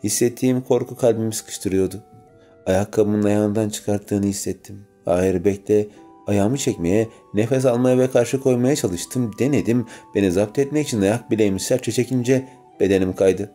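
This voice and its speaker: Man, audiobook narration, dramatic tense reading, low pitch, soft music underneath. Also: moderate pace. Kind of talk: first-person story narration.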